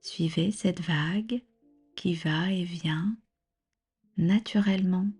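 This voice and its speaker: A woman with a fairly low voice leads a yoga nidra relaxation meditation over soft background music. She sounds soothing and breathy, keeping her instructions soft, gentle and measured.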